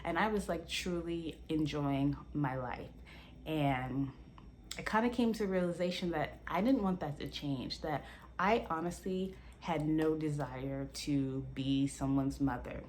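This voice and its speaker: Low-voiced woman, slightly slurred by retainers. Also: measured pace, a little mellow, slight background noise. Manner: candid, conversational. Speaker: YouTube lifestyle vlogger. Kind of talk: casual personal talk to camera.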